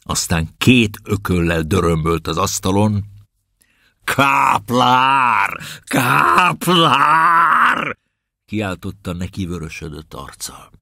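Deep gravelly man reading an audiobook. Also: dry recording, studio quality. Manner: expressive, dramatic storytelling. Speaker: audiobook narrator.

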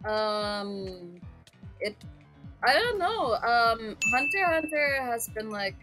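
A woman's voice: sing-song, takes it slowly, poor audio. A young woman from the Philippines with a cute, girlish anime-style way of talking, chatting casually and hesitantly while gaming. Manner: high, cute anime-girl voice, giggly and hesitant. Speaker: voice actress playing as paid gaming companion. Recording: music bed behind the voice.

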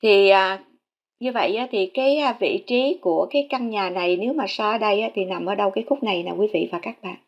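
Here a Vietnamese woman tours a house listing for her real estate vlog and points out a map, speaking to viewers politely but casually, full of fillers. She talks fast in a mid-range voice, and the audio sounds dull.

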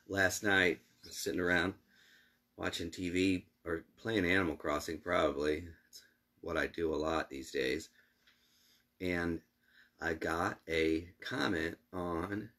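A middle-aged man chatting casually on a home live stream from his basement, relaxed and rambling with plenty of fillers. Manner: relaxed, rambling, low-key talk with fillers. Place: small basement room at home, seated on a couch. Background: his own acoustic guitar.

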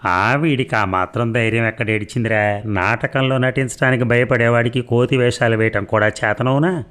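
A man's voice: medium pitch, steady tone, moderate pace, a bit bright, clear, resonant tone, lightly acted. A man voicing a young male student who mocks his friends. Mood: mocking. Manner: mocking.

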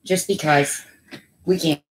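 A woman's voice: low-pitched, fairly even intonation, takes it slowly, slight background noise. A woman hosting a craft channel from home, chatting casually with viewers and cooing to her dogs. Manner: chatty and doting, coos baby talk to her dogs. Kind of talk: casual livestream chat.

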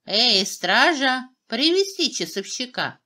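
A woman voicing a foolish, lazy adult male king who squeals out his orders in a shrill voice. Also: very animated, slow, sharp tone, husky, heavily acted. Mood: commanding. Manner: shrill, stamping, commanding.

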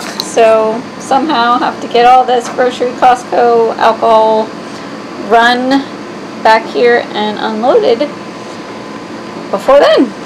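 A woman in her forties, a sailing vlog host, chatting upbeat to the camera aboard her boat. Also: fairly high pitch. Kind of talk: casual vlog narration. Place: aboard a sailboat, outdoors in the cockpit. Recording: clear background noise.

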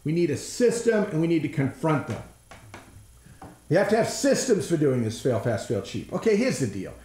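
A man giving an energetic, blunt, folksy presentation on innovation, sometimes swearing for emphasis. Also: fairly high pitch, normal speed, roomy sound. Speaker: innovation trainer.

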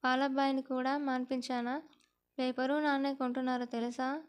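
A woman's voice: high voice, level tone, normal speed, clear, resonant tone, natural voice. A woman storyteller voicing a smug married daughter boasting of how she uses her father.

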